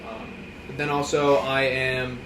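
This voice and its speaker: A young man, a bassist and music student, answering earnestly and haltingly with many pauses. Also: flat delivery. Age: young adult. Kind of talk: casual interview answers. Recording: echoey room, far mic, background hum.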